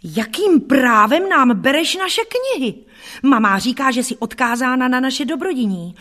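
A woman voicing a spoiled, cruel boy who taunts and shouts, in an audiobook reading. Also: low voice, big pitch swings, slightly rough, pitched below the performer's own voice, exaggerated voice. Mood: scornful.

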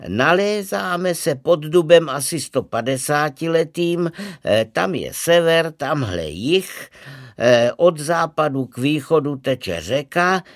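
A man's voice: fairly high pitch, lively intonation, no echo, voice pushed up. Timid know-it-all teacher as a man puts him on, stammers, lectures, dry sound. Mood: lecturing. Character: timid pedantic male teacher.

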